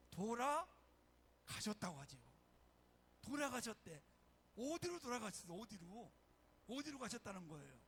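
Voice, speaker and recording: A man's voice: high-pitched, fairly bright tone, slight background noise. A man preaching a sermon as pastor of a church, emphatic and often calling out to his congregation. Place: church sanctuary.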